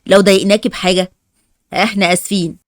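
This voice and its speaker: A caring old Egyptian grandmother who scolds and advises in a fast stream of words, as a woman puts her on. The voice sits in a middle range and is recorded close and dry, with no room sound. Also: medium pitch, steady tone, no echo, lightly acted. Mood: scolding. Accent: Egyptian Arabic. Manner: fast, lecturing. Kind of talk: Roblox family drama voice acting.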